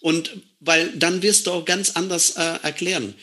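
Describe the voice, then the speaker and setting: A man talks through an idea in a relaxed conversation, leaning on simple everyday examples. His voice is bright and sits a little high. He sounds like a lecturer used to explaining things plainly. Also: normal speed. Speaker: computer science lecturer. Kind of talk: casual conversation.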